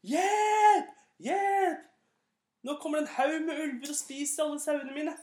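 A woman voicing a mischievous young shepherd boy who yells shrill cries for help in a storybook reading. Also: expressive, lightly acted. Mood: panicked. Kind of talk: storybook character voice. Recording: echoey room.

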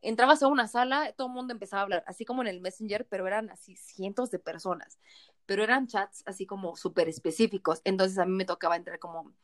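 Animated and a bit tipsy, a Mexican-accented podcast co-host in her thirties chats casually, sharing frank stories and slipping into playful quoted voices. She talks fast in a medium-pitched voice, recorded with clean studio sound and no room sound.

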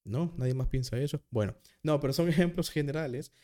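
Hosting a casual solo podcast on psychology, this man rambles through examples and keeps correcting himself, even calling himself nervous. His voice is a little high and a little fast, with a dark tone.

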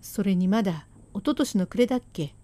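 A woman voicing a sharp-tongued, hardworking Edo wife who scolds her husband sarcastically and relentlessly, in rakugo storytelling. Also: mid-range voice, lively intonation, fairly quick, lightly acted. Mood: scolding.

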